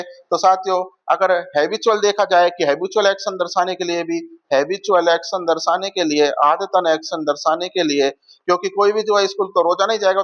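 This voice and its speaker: A man's voice: sits high, a bit bright. A male teacher, going through exam questions and quizzing his listeners with repeated questions. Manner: addresses viewers as friends. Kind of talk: exam prep lesson. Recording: dull lo-fi audio.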